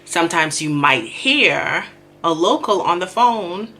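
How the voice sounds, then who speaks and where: A woman's voice: lowish voice, lively intonation, takes it slowly, bright, forceful tone. A young woman hosting her podcast in a chatty, self-deprecating way. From The Bahamas. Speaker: podcast host. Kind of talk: casual solo podcast chat.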